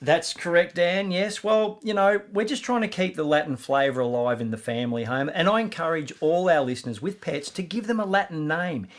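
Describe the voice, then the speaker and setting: A man co-hosting a scripted podcast, animated and emphatic. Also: brisk, hardly any pauses. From Australia. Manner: animated, emphatic, rising pitch on jabs. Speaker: podcast co-host. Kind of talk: scripted comedic podcast banter.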